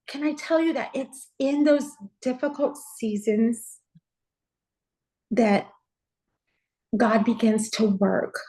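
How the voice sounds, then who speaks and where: A middle-aged woman from Texas speaks as a pastor giving her testimony. Her voice sits high, and she tells the story in an earnest, heartfelt way, often dropping in "you know" as she goes. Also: warm tone, poor audio. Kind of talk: personal testimony in a conversational interview.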